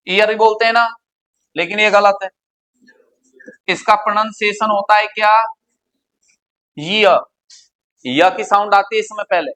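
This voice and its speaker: Male grammar teacher from India, high bright voice, keeps quizzing the class. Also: low-quality recording. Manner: quizzing students with repeated questions. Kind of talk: classroom lecture.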